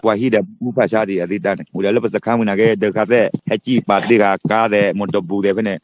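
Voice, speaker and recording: A man with a fairly low voice rattles through a relaxed chat at a brisk clip. His sentences run on with hardly a pause. The sound is dry and a bit dull, like a lo-fi recording. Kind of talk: casual chat.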